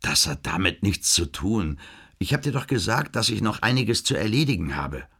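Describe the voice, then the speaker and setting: A man reading an audiobook and voicing a defensive, overworked male friend on the phone, husky and grumbling. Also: lowish voice, sing-song, moderate pace, fairly bright tone, pitched above the performer's own voice, heavily acted. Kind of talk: audiobook character voice.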